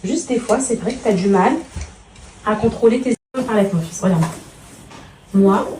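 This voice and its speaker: A woman's voice: medium pitch, normal speed, darkish tone. A mother who speaks tenderly and showers her children with pet names, then chats casually to her followers. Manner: chatty, addresses her followers as girls. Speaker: mother and vlogger. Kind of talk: casual vlog talk. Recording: roomy and noisy, from a distance.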